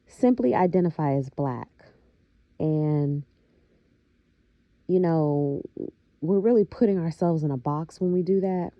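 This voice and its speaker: A woman vlogger talking reflectively to her viewers, with a slow, thoughtful manner and many soft fillers. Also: fairly low pitch, no room sound, highs cut off. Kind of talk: casual talking-to-camera monologue.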